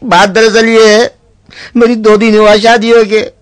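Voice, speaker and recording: A man's voice: high-pitched, flat delivery, a little slow, smooth, no echo. A man acting as the comedy partner, playing the put-upon straight man in short joke dialogues. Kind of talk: comic dialogue.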